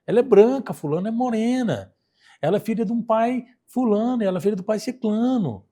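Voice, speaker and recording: A man with a Brazilian Portuguese accent, a plastic surgeon being interviewed, telling anecdotes in an animated, chatty way. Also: high voice, a little fast. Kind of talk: casual interview storytelling.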